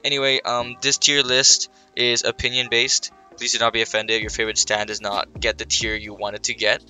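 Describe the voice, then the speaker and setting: A young man hosting a casual gaming podcast, chatting in a laid-back way with plenty of fillers, his audio low in the mix. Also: flat delivery, fairly quick, bright, forceful tone, clear, resonant tone. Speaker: podcast host. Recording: low-level voice with faint background music.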